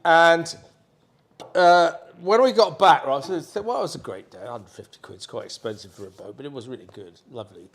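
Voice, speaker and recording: A man's voice: on the high side, sing-song, brisk. A man co-hosting a casual chat, swearing a lot and acting out what people said as he rambles through a story. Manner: sweary, rambling storyteller who acts out quotes. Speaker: podcast co-host.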